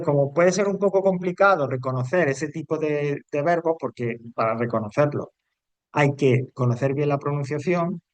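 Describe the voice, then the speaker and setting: With a medium-pitched, darkish voice captured dry and close, a male English teacher leads a classroom grammar lesson. He's patient and repetitive, breaking things into steps, restating rules, and asking "¿vale?" along the way.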